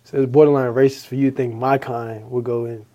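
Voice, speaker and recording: A man's voice: mid-range voice, fairly quick. A young man hosting a podcast, chatting casually and acting out old conversations as he tells stories. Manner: animated storytelling, acting out past conversations. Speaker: podcast host. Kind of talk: casual chat.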